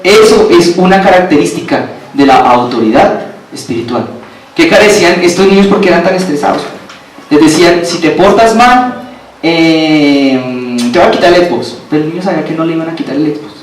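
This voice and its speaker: High-voiced preacher in echoey hall. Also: male voice, fast. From Colombia. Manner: asks the congregation questions, repeats phrases for emphasis. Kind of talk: sermon. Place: church hall. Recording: very echoey hall, from far off, faint background noise.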